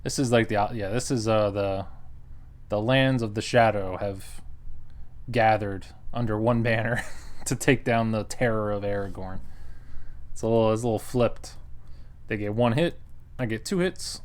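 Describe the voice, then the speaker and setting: A man's voice: lowish voice, normal speed, long pauses. A man giving a casual, wry recap of a board game he played, often laughing and quoting the table. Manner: wry, chuckling, acts out table quotes.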